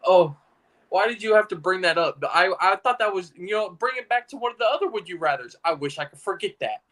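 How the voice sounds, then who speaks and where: Bright-voiced young man telling stories. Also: high voice, brisk, rough recording. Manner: expressive, acts out dialogue, repeats words for effect. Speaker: podcast co-host. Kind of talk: casual storytelling chat.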